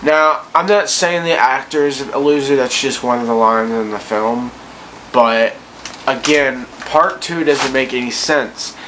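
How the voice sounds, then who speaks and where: A drunk vlogger lets loose a casual, profane, rambling rant about bad movies, sounding tipsy and incredulous. His voice is medium-pitched, unhurried and fairly bright, on a rough recording with slight background noise.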